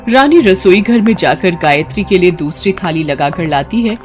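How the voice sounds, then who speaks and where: A woman narrating an animated horror story in a steady storytelling manner. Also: fairly low pitch, normal speed, faint music behind.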